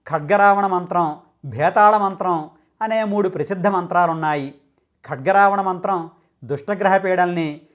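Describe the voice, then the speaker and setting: A man giving a scripted, carefully enunciated explanation of how to pronounce sacred chants. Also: sits high. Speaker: channel host explaining mantra pronunciation.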